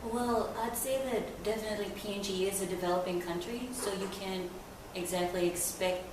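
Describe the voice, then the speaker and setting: Young woman, flat tone, filler-heavy, distant noisy mic. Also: mid-range voice, moderate pace. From Papua New Guinea. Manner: conversational, many fillers like you know. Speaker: interviewee. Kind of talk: casual interview answers. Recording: echoey, distant mic, background noise.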